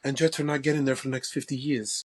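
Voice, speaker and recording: This young Croatian man co-hosts a football podcast, chatting casually in a brash, boastful way and swearing freely. His medium-pitched voice stays level, and he talks quickly.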